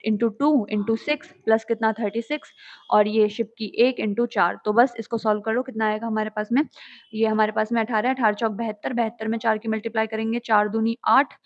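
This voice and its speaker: A woman's voice: fairly high pitch, steady tone, brisk. A woman teaching maths, solving exam questions step by step, asking and answering her own questions and reading each question out in English before explaining in Hindi. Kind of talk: exam solution walkthrough. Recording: dull lo-fi audio.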